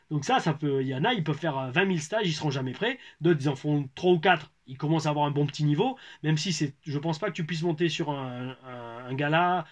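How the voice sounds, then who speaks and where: A man, a former pro wrestler from France, chatting casually as he reads out viewer questions and answers them. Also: a little high. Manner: loose, conversational, reads questions aloud, many fillers and restarts. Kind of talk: casual Q&A chat.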